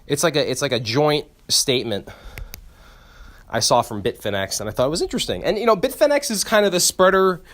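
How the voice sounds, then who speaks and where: A man's voice: a little high, sing-song, a little fast, a bit bright. Rambling, cursing young man podcasting solo. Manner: rambling, profane, many restarts and stammers. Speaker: podcast host. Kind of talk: casual solo podcast monologue.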